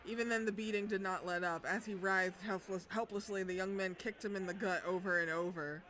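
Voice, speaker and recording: Bright-voiced young woman streamer. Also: mid-range voice, fairly even intonation, brisk, slight background noise. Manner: laughing, swearing, joking asides. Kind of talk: reading a game aloud with commentary.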